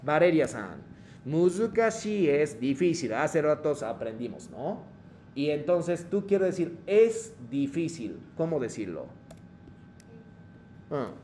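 A man's slightly high, darkish voice moves slowly with big pitch swings and long pauses, over slight background noise. He's giving an online lesson in Japanese conducted in Spanish, blending in Japanese phrases, explaining patiently and checking in often with the class.

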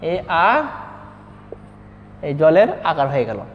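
A man teaching a lesson from slides, asking questions and answering them himself and repeating key words slowly. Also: a little high, animated, a little hiss or hum. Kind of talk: classroom lesson over slides. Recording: dull reverberant recording.

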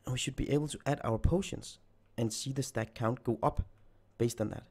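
A programming tutor speaks a little fast in a medium-pitched, darkish, slightly rough voice that's almost gone. He thinks aloud while typing code during a screen-recorded coding tutorial.

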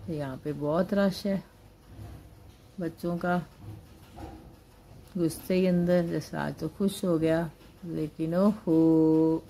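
In a busy indoor mall, a grandmother vlogger narrates her family outing homely and casually, recording on a handheld phone camera. Her voice sits low with a dark tone, and there's slight background noise.

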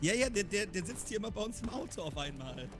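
A man's voice: high voice, very animated, over music. A man in a roleplay game talking casually over an in-game phone call, loose and slangy. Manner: quick, loose slang-filled talk. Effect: heard over an in-game phone call. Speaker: roleplay player. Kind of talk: casual in-character chat.

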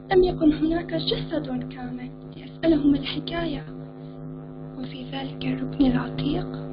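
A woman gives an emotive, expressive reading of her short story in a high voice. The recording sounds dull and lo-fi, with music clearly audible behind her. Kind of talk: dramatic literary reading.

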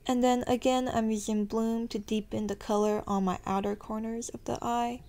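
Young woman, beauty vlogger voice-over; mellow, slightly high, chatty with upward-lilting endings. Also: flat delivery, normal speed. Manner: chatty, self-deprecating, rising sentence endings. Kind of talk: voice-over makeup tutorial narration.

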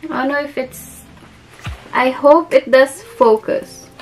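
On a low-quality recording with soft background music, a young beauty vlogger from the Philippines speaks in a high-pitched, steady voice at a slow pace. Her Filipino accent comes through as she casually chats about a beauty haul, giggling, saying um a lot, and restarting.

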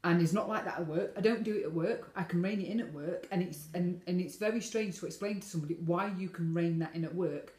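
Brief: woman, forties, co-host, low-ish voice, rapid and blunt, roomy echo. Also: darkish tone. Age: 40s. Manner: frank and emphatic, quick with restarts. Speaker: podcast co-host. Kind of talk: casual chat.

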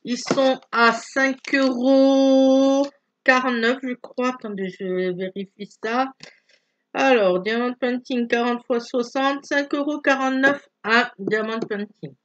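A woman's voice: a little high, steady tone, takes it slowly, fairly bright tone, muffled recording, slight background noise. A middle-aged woman hosting a casual craft vlog, talking in a chatty, hesitant way with many fillers and restarts while showing products at home. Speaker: craft vlogger. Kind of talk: casual product show-and-tell. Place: at home, filming her hands.

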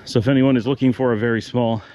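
A fast-talking middle-aged man with a medium-pitched voice narrates a casual walking tour outdoors. As a relaxed vlogger strolling neighborhood streets, he points out houses and shops along the way.

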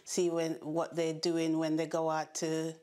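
Low, flat-voiced woman in her sixties. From Jamaica. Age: 60s. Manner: halting, with fillers and restarts. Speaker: interviewee. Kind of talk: recollecting childhood in an interview. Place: bright living room with bookshelves. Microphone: seated on a sofa, filmed from the front.

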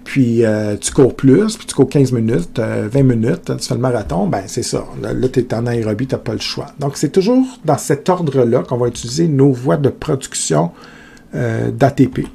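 A man's voice: mid-range voice, lively intonation, moderate pace, gravelly, dark tone, a little hiss or hum. A male teacher with a Québécois accent explaining a lesson in a conversational way, speaking to students directly and asking questions aloud. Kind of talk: recorded lecture video.

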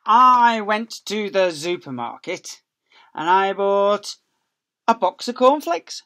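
A middle-aged man who teaches school reads a picture book to small children, stretching key words in fun and making sound effects. He speaks slowly in a high-pitched, bright, forceful voice with lively intonation. The recording comes from a laptop webcam close by in a small office.

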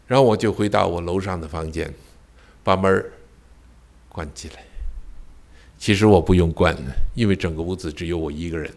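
An older man preaching a sermon as a pastor, telling a personal story with sudden swings between loud cries and hushed near-whispers, and tossing rhetorical questions to the congregation. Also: deep voice, normal speed, long pauses.

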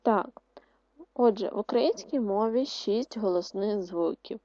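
A woman's voice: mid-range voice, a little slow, mellow, no room sound, lo-fi sound. Patient woman teaching young children. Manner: clear, patient dictation of vowel sounds. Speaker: primary school teacher. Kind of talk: online lesson for second graders.

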